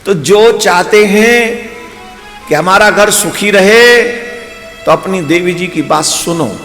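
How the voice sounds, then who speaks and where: A man's voice: sits high, slow pace, fairly bright tone. Playful male preacher in a reverberant hall. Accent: Braj Hindi. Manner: storytelling with playful asides to the audience. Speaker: spiritual preacher. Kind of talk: devotional katha sermon. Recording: long hall reverb with faint music.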